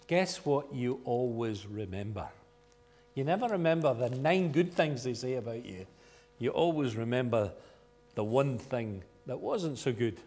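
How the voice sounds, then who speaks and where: Loud Scottish man telling a story. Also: medium pitch. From Scotland. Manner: loud, chatty and self-deprecating. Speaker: guest speaker at a church gathering. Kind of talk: informal storytelling sermon.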